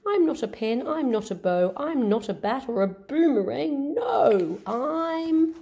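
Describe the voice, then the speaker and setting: A woman's voice: sits high, sing-song, a little slow, gravelly, warm tone, voice pushed up, exaggerated voice. A woman voicing a cheerful little male stick figure in a storybook, chanting his refrain in a sing-song way. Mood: insistent.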